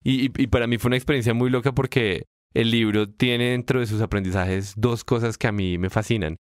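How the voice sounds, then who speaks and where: A man co-hosting a casual podcast, explaining ideas with emphatic rises in pitch. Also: a little fast, clean tone, no room sound, studio quality. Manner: explanatory, animated pitch jumps when stressing points. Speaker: podcast co-host.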